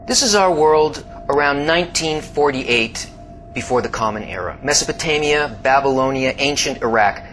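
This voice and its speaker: A man giving slow, scripted documentary-style narration, swinging between hushed low passages and emphatic rises. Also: rough recording. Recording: steady background hiss.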